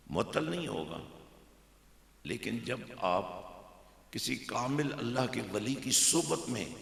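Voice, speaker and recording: A man preaching a fervent sermon in a mosque, his voice swelling to loud exhortation. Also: mid-range voice, gravelly. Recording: echoey mosque hall.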